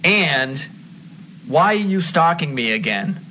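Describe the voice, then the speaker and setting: A man playing a wary, exasperated married man in a scripted drama, stern and deliberate. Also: a little high, big pitch swings, pushed and bright, slight background noise, full character voice, rough recording. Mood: firm, exasperated.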